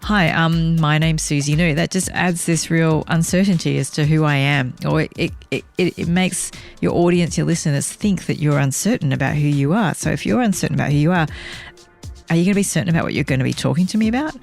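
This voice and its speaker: A low-pitched woman talks through a solo podcast episode, giving advice in a clear, measured coaching manner. Her voice has a gravelly edge of vocal fry. Soft music plays faintly beneath her. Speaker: podcast host. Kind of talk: solo podcast monologue giving speaking tips.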